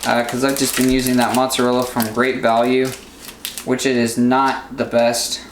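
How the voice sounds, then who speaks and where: A man's voice: medium pitch, flat delivery, normal speed, roomy sound, slight background noise. A young man vlogging casually from his home kitchen, talking in a rambling, easygoing way full of fillers. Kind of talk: casual vlog chat.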